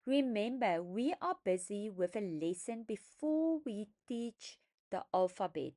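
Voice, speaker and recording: A woman talks through a phonics lesson at an unhurried pace, her pitch rising and falling widely as she stretches out vowels. Her delivery is patient and emphatic, and she sounds out each syllable clearly for teachers and children. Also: lively intonation, mellow. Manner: slow, deliberate, emphatic teaching voice, sounding out words. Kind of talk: instructional lesson narration.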